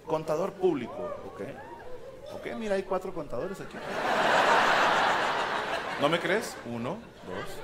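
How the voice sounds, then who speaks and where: Mexican stand-up comic, slightly high voice, crude teasing banter, live mic over a roaring crowd. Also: male voice, big pitch swings, unhurried, long pauses. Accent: Mexican Spanish. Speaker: stand-up comedian. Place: large theater with live audience. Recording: live show with loud crowd and noise.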